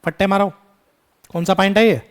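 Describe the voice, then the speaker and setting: A man with a fairly high voice teaches a tax class. He fires questions at his students, answers them himself, and slips in affectionate, scolding asides. His English terms carry an Indian accent. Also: steady tone, clean tone. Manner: quizzing students, calling them "beta", brisk scolding asides. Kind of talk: classroom lecture.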